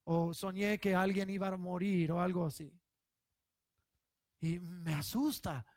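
A male pastor delivers his sermon in a high, clear voice, taking his time over each phrase. His preaching is emphatic and swells to loud stressed lines. The sound is close and dry, with hardly any room in it. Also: fairly even intonation, unhurried, no room sound.

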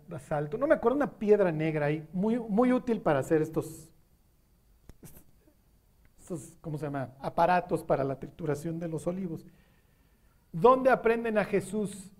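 A Mexican-accented man gives a conversational sermon at a moderate pace, his high voice full of lively intonation. He frequently asks the audience questions to check they're following.

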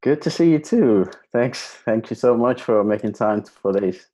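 A man's voice: mid-range voice, lively intonation, a little slow, warm tone. A man hosting a podcast interview in casual chat, enthusiastic and rambling, heard over a video call. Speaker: podcast host.

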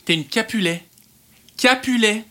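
A woman's voice: on the high side, a little slow, natural voice. A woman playing a fussy male theatre director. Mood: exasperated. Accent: Quebec French. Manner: animated, exasperated correcting.

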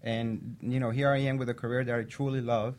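Speaking briskly in a mid-range voice, this man, a physician assistant, shares a personal story as a talk show guest, earnest and steady throughout. A faint hiss or hum runs under the recording.

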